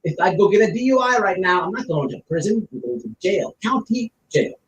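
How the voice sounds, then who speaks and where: Brisk and very animated, this high-voiced man streams online commentary that's blunt, casual, and full of opinions. He repeats phrases emphatically while explaining with examples, heard through a distant, roomy mic with slight noise.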